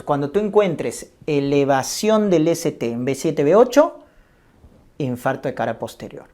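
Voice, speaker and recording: A woman with a low, mellow voice gives a medical lecture on ECG and cardiac markers. She teaches didactically, repeating key points and often checking in with "¿ya?".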